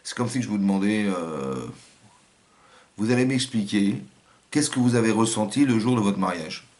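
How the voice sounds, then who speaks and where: A man's voice: on the low side, expressive, normal speed, darkish tone. A man with a French accent giving a religious lesson as a rabbi, acting out little scenes and quotes in changing voices.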